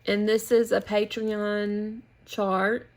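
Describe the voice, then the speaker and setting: Slow, gravelly-voiced American woman chatting. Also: medium pitch. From United States. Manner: relaxed, meandering, with pauses and restarts. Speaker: flosstube host. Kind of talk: casual show-and-tell chat. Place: at home.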